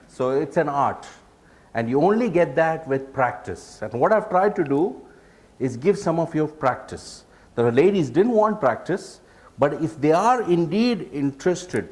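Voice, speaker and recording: A man presenting a public speaking workshop, lively and joking with the audience. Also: a little high. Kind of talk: live workshop talk.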